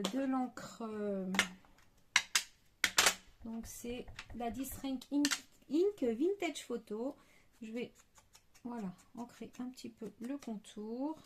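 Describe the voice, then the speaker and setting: A woman's voice: a little high, noisy background. A woman hosting a card-making tutorial, thinking aloud with many hesitations. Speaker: crafting tutorial host.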